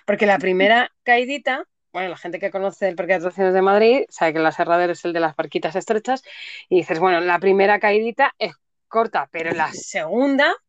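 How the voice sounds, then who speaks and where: Woman telling animated stories. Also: medium pitch, brisk, dry recording, highs cut off. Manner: animated storyteller, acts out her own fear. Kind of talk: casual chat.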